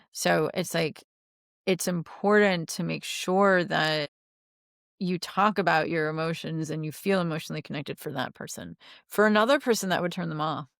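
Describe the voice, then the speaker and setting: A woman's voice: low-pitched, creaky, fairly bright tone, no room sound, studio quality. A middle-aged woman coaching on relationships in a podcast interview, chatty, with many fillers and easy laughs.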